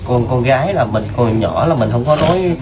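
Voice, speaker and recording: A man interviewing a child, asking gentle, coaxing questions with many fillers. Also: medium pitch, lively intonation, a little fast. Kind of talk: casual street interview. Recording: outdoor video with noticeable background noise.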